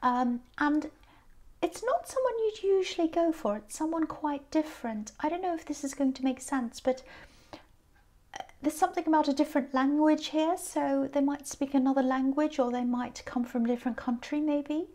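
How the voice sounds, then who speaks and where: A tired woman with a croaky voice, giving a casual tarot card reading in a gentle, reflective way. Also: sits high, moderate pace. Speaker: tarot reader.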